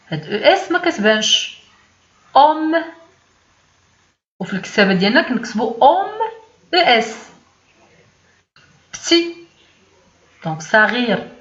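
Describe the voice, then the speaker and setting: A Moroccan-accented woman gives a beginners' lesson, her higher voice rising and falling as she repeats each word for the learner. She explains patiently in a teacher's cadence. The sound is echoey and slightly dull, like a lo-fi recording in a bare room. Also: fairly bright tone. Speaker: French teacher. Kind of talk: language lesson.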